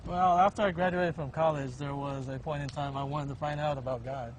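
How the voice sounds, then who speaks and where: Plainspoken man, halting, faint traffic behind. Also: fairly high pitch, fairly even intonation. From Vietnam, raised in Texas. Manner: halting, plainspoken, many fillers. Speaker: interview guest. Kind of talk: casual conversation. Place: outdoors in a residential street.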